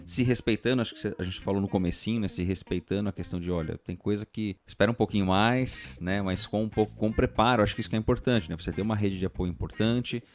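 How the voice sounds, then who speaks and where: A man's voice: lowish voice, fast, few pauses, soft background music. A Brazilian man hosting a podcast, summing up his guest's points in a reflective way and ending nearly every phrase with a tag question. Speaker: podcast host. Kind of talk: casual interview conversation.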